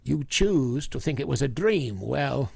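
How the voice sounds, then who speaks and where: A man's voice: mid-range voice, lively intonation, unhurried, vocal fry, a little mellow, slightly rough, dry recording, exaggerated voice. A man playing a grave, commanding older professor and vampire hunter in a vintage-style radio drama. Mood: insistent, commanding. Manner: solemn, emphatic, authoritative.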